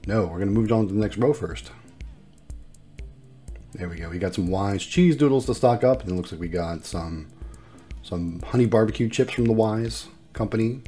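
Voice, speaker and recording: A vending machine operator narrates his casual vlog, upbeat and appreciative, explaining things as he goes. His voice is fairly low in pitch with a dark tone.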